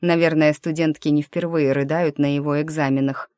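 A woman reads a novel aloud in a low, even voice. The recording is close and dry, with no room around it. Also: moderate pace, dry recording. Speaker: audiobook narrator. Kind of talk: scripted narration.

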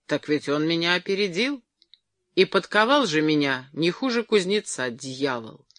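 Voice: mid-range voice, big pitch swings, moderate pace, fairly bright tone, no echo, studio quality. A reader voicing a drunken, blustering brother in an audiobook, growling and cursing. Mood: furious. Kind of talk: audiobook character voice.

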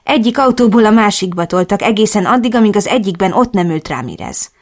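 Woman reading a novel aloud in first person, steady and clear, middle-pitched voice. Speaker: audiobook narrator.

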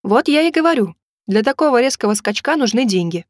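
A woman's voice: a little high, expressive, no room sound, studio quality, close to an everyday voice. A woman voicing a pushy young man who keeps pressing for money and takes offence easily, in an audiobook. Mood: coaxing. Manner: insistent, quick to take offence. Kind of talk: audiobook reading.

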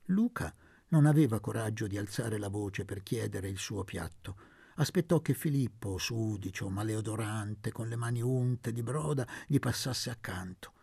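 A man reading a literary novel aloud as narrator, measured and expressive. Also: on the low side, vocal fry, husky, dry recording. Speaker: audiobook reader.

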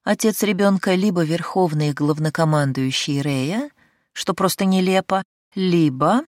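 A woman's voice: on the low side, measured pace, darkish tone, dry recording, studio quality, natural voice. A woman voicing a capricious young noblewoman in an audiobook, with a demanding, sarcastic manner. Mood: insistent.

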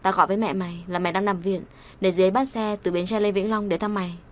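A woman's voice: mid-range voice, level tone, fast talker, close to an everyday voice. A woman voicing a protective young man who presses his best friend with insistent questions in an audio story.

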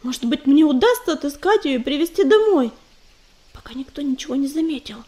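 A fiery young she-cat warrior in a storybook, pitched high and sharp-tongued, snapping and pleading in turn, as a woman reader puts her on. Her voice rides well above the narration, restless and excitable. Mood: urgent. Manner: excited, quick to snap.

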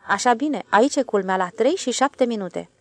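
A woman voicing a calm, self-satisfied older male station master in an audiobook, drawling and knowing. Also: fairly high pitch, no room sound, voice pushed up. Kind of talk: audiobook character voice.

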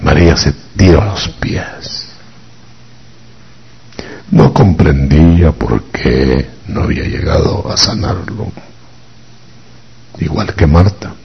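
A man preaching a sermon with a low, very husky voice that rises and falls widely in pitch. He is dramatic, acting out voices and dropping from loud lines to whispers. The recording is dull and lo-fi. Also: expressive, slow, long pauses.

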